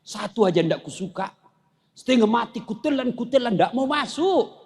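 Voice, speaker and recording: A man's voice: extremely high pitch, animated, normal speed, long reverb tail, voice pushed down. A man doing a naive rich old villager. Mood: complaining.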